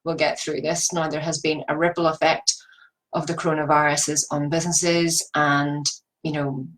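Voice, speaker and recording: A woman's voice: low voice, flat delivery, moderate pace, poor audio. A woman with a Northern Irish accent giving informal business advice in an earnest, encouraging, rambling way, repeating phrases for emphasis. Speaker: business coach. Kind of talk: informal advice monologue to online viewers.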